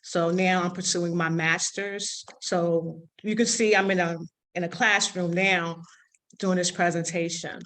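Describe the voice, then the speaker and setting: A woman's voice: fairly low pitch, fairly even intonation, a little slow, fairly bright tone. Middle-aged woman talking with braces. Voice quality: speech affected by dental braces. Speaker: guest speaker. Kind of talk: informal self-introduction. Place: classroom.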